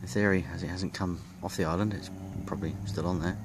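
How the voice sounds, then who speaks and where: Low-voiced man rambling outdoors by a lake. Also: very noisy. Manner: relaxed, rambling, thinking aloud with pauses. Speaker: angler filming his fishing trip. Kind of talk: casual self-filmed commentary. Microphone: handheld camera from behind the lens. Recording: outdoor ambience with nature sounds.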